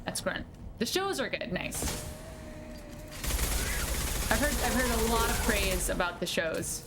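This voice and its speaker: A woman streaming a video game with chatty, casual commentary. Her voice is high and swings expressively with jittery reactions, while game noise is clearly heard behind her. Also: expressive, a little slow. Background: video game action.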